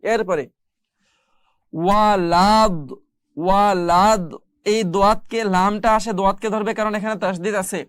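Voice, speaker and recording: A Quran recitation teacher explaining rules step by step and chanting long, drawn-out Arabic syllables as examples. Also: mid-range voice, steady tone, dry recording, clean studio sound.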